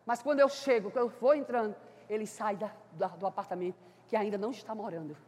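A woman preacher, giving a sermon full of personal testimony that swings between loud exclamations and hushed storytelling. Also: mid-range voice, fast, husky. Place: church. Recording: church hall reverb.

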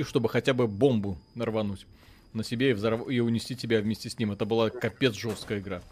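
A man co-hosting a live gaming stream, chatty and excitable, rambling with fillers as he talks. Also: mid-range voice. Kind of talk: casual live stream chat.

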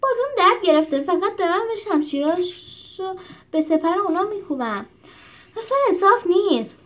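A woman voicing a whiny, resentful young male gladiator who complains in a raised, high voice. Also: lively intonation, a bit bright. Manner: whining, resentful.

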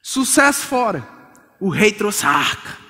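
A man, a pastor preaching a lively sermon to couples, joking and acting out quarrels. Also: sits high, a little slow. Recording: long hall reverb.

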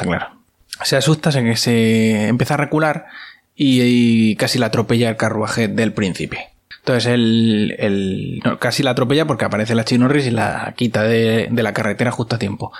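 A man with a Spain Spanish accent, chattily recapping a series episode with crude slang and asides. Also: mid-range voice. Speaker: series reviewer.

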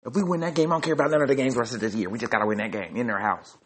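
A man ranting loudly as a sports fan in a vlog, repeating himself and swinging his voice up and down. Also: racing, husky. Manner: loud, animated, repetitive, big pitch jumps. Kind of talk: excited fan rant.

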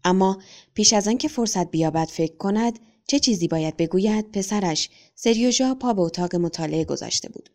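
A woman calmly narrating a short story as an audiobook. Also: mid-range voice, few pauses. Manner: calm, even reading.

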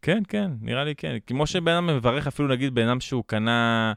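A man with an Israeli accent speaks in casual conversation. His medium-pitched voice is clean and resonant, recorded dry. He explains by way of examples and rhetorical questions. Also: gravelly, dry recording.

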